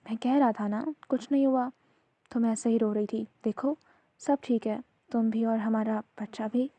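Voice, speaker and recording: A woman voicing a tender husband who speaks softly and soothingly to his wife. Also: fairly high pitch, fairly even intonation, no echo, lightly acted. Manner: soft, soothing. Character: tender loving husband, police officer.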